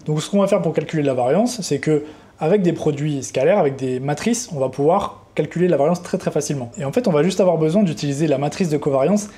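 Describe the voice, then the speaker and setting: Brief: young male tutor, relaxed and mellow, chatty, unscripted walkthrough, a touch high-pitched. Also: fast talker. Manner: casual, rambling, talks straight to the viewer. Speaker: trading educator.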